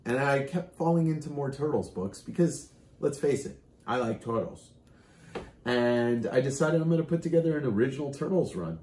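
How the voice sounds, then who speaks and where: A middle-aged man co-hosting a comic collecting show, chatting loudly and eagerly about his finds while seated at a table in a room full of comic shelves. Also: mid-range voice, moderate pace, slight background noise. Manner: loud, animated and enthusiastic. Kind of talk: casual chat showing off comic finds. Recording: roomy echo.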